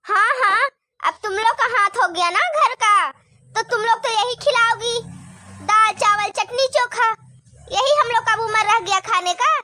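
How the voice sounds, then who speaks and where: A woman's voice: very high voice, measured pace, dry recording, clean studio sound, full character voice. A woman voicing a nagging, taunting middle-aged mother-in-law in a cartoon story. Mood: scolding. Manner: sharp, taunting, complaining.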